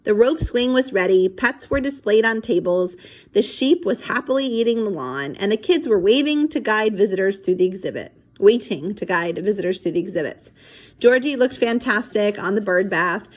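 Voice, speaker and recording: A woman with a medium-pitched voice reads a children's book aloud at a moderate pace. She's animated, acting out the dialogue and sound effects, and chats casually with young listeners between passages.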